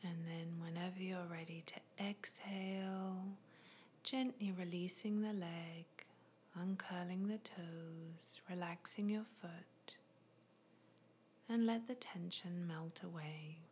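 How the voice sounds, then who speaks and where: A woman guiding a progressive muscle relaxation in a soft, unvoiced ASMR whisper, with slow, gentle, soothing instructions. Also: lowish voice, fairly even intonation, slight background noise. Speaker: relaxation guide.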